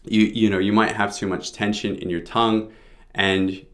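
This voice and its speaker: A man's voice: fairly low pitch, level tone, moderate pace, fairly bright tone. A man giving an informal pronunciation lesson, explaining sounds step by step as a teacher.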